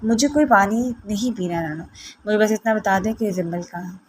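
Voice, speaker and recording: A woman's voice: mid-range voice, husky, natural voice, low-quality recording. A woman reading the part of a stern, angry young husband who talks in harsh, demanding bursts.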